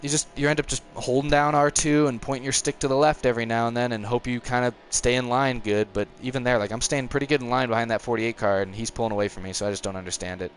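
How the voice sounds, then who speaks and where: This nineteen-year-old streamer has a mid-range voice with fairly even intonation, and a faint hiss or hum sits under the audio. He rambles through a racing game on his live stream, chatting casually and reacting to the race, quick to get annoyed and prone to chuckling.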